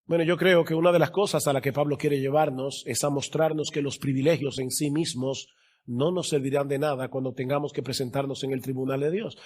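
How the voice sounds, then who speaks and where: A male pastor preaching a sermon, stressing key words by slowing down and growing louder. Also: mid-range voice, steady tone.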